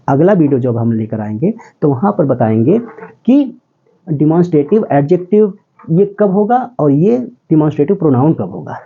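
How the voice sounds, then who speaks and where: Over phone-quality audio, a husky, fairly high-pitched man walks his class through English grammar one step at a time. He keeps checking comprehension with "ठीक है?" and addresses his students as "beta".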